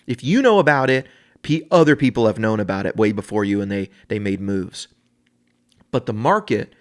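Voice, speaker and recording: Chatty rambling man hosting a podcast. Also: mid-range voice. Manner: rambling, chatty, many fillers and restarts. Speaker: podcast host. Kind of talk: casual solo podcast talk.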